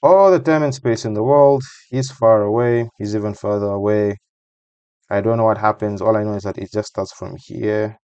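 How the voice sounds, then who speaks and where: A man's voice: lowish voice, fairly even intonation, moderate pace, mellow, clean tone, dry recording, dull audio. A man giving a casual voice-over breakdown of a football match, talking conversationally and repeating phrases for emphasis.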